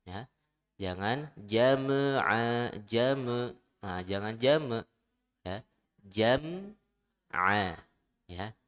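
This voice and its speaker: A man's voice: medium pitch, clear, resonant tone. A man teaching Quran recitation, modeling each syllable and patiently correcting pronunciation. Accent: Indonesian. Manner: repeats syllables slowly and corrects gently.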